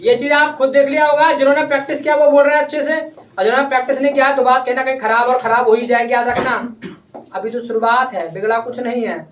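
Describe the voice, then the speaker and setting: A man's voice: very high voice, steady tone, quick pace. A man teaching a classroom English lesson, coaxing his pupils and repeating his questions. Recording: echoey room, distant mic, faint noise.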